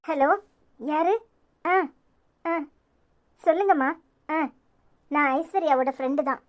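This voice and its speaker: Here is a woman voicing a caring young friend in a cartoon with a Tirunelveli accent. The voice is high but calm. She soothes and reassures in a steady, gentle way. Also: takes it slowly. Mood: polite. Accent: Tirunelveli Tamil.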